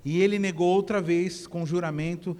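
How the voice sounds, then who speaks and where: A man, preaching in an animated, conversational sermon that builds to shouting. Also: high voice, moderate pace. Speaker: pastor. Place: church hall. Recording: echoey church hall.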